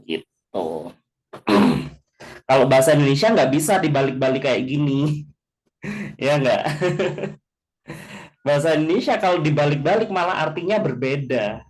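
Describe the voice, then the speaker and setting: A man with a slightly raised pitch teaches in an easygoing, chatty way. He slows right down to spell out example words and keeps checking that his listeners follow. Light chuckles slip into his explanations. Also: animated, darkish tone. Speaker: language teacher. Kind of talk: casual explanatory class talk.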